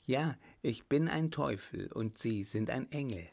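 A cruel baron who sneers, laughs and threatens, as a male reader plays him. The voice is slow and gravelly, lifted a bit above the reader's own. It is told like a storybook. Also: medium pitch, animated, darkish tone, voice pushed up. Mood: sneering. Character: scheming baron, mocking, cruel, self-assured.

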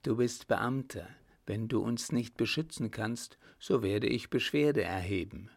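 A man's voice: medium pitch, measured pace, creaky. A man reading an audiobook, voicing a haughty, scheming baron who speaks with indignant threats.

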